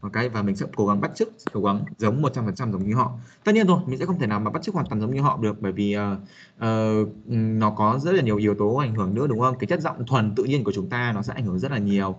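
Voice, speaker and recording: A man with a fairly low, slightly rough, expressive voice talks fast on dull-sounding audio. He gives a casual spoken English lesson to a young student, hesitating often, using many fillers, and addressing the listener as a child.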